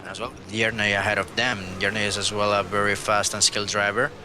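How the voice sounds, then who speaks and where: Low-voiced analytical co-commentator, noisy mic. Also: male voice, flat delivery, fairly quick. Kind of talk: sim racing commentary.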